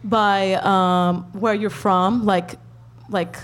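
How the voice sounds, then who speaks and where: A woman's voice: medium pitch, steady tone, drawn-out words, clear, resonant tone. A young woman in casual conversation, speaking hesitantly with many "like"s and "um"s. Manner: hesitant, lots of "like" and "um". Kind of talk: casual chat.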